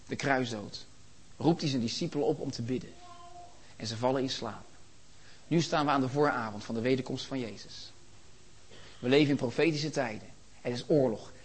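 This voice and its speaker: A man preaching a sermon in a church, impassioned, building to shouts and rhetorical questions. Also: medium pitch, breathy edge.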